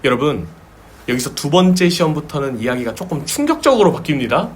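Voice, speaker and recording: A man's voice: fairly high pitch, sing-song, fairly quick, husky. A male pastor preaching a sermon, stressing his points and repeating key words for emphasis.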